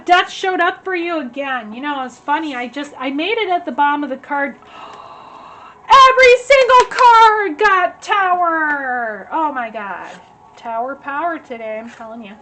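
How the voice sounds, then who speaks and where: Chatty tarot-reading woman, a bit hoarse. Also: sits high, fairly bright tone, slight background noise. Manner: chatty, rambling, many fillers. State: slightly hoarse, losing her voice. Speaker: tarot reader. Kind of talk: casual tarot reading to camera. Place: at home.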